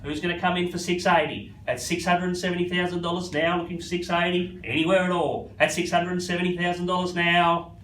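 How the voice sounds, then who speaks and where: A man's voice: high-pitched, flat delivery, a little fast, fairly bright tone. An Australian man working as a real estate auctioneer, delivering live auction patter that repeats figures and addresses bidders by first name. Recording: echoey, slightly distant, faint background noise.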